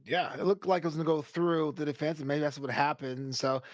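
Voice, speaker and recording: A man's voice: a little high, fairly quick, no echo. A man giving color commentary on a video game football match, playful and joking, laughing often.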